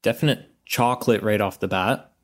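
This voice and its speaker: A man's voice: on the low side, normal speed. A man on a casual podcast from home over a remote call, describing the taste of a beer and hedging as he goes. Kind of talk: casual chat.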